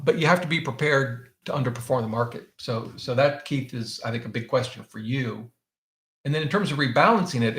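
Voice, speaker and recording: A man's voice: mid-range voice, creaky, a bit bright, echoey room. A man hosting a live question-and-answer stream, explaining his choices in a casual way and often restarting his sentences as he thinks aloud. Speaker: finance channel host answering viewer questions.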